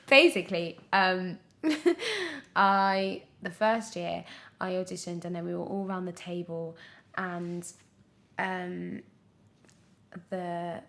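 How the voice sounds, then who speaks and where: In a lowish voice with vocal fry, she speaks slowly. She's a young adult British actor chatting as a podcast guest, telling giggly, animated stories and re-enacting what people said.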